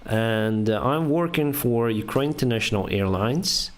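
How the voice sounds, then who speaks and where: Answering chat on a laid-back live stream, this young pilot reads each viewer question aloud before responding. He's a native Russian speaker whose English comes out haltingly with lots of fillers, in an expressive, medium-pitched voice.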